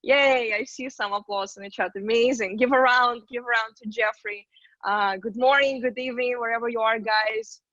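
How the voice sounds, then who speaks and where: A Ukrainian woman presenting as an investment banker gives an online talk, upbeat and chatty and full of fillers. Her fairly bright voice is on the high side, steady and at a moderate pace. The computer mic on the video call gives dull, dry audio with no echo.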